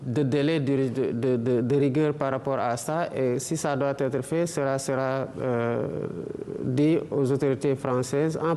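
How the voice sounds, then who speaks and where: A man speaking at an official press event, halting and stammering as he searches for words. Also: mid-range voice, steady tone, mellow, long reverb tail, slight background noise.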